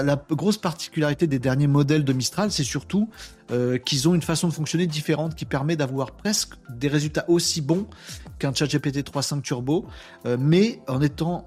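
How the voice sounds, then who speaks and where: A man from France hosts a live webinar, talking casually and energetically, using slang and speaking straight to his chat viewers. His voice is fairly high, husky, and darkish in tone.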